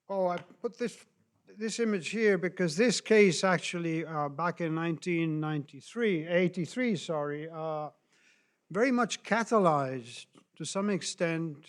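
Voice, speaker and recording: Male lecturer from Chile and Argentina, slow and halting, many fillers, fairly high voice. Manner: deliberate, halting with frequent fillers and restarts. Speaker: speaker on human rights law. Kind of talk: lecture presentation.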